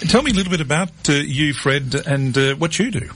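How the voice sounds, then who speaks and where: A man's voice: on the high side, expressive, brisk, fairly bright tone, slight background noise. A man hosting a community radio health program from a studio, talking with many fillers and restarts. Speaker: radio host. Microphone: studio mic.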